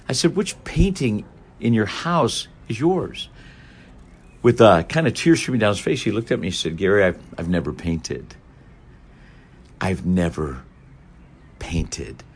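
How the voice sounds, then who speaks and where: A man with a lowish, husky voice tells stories as a podcast guest. He jumps up in pitch to act out the people he quotes, then drops back to a lower tone for the point of the story. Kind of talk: animated storytelling.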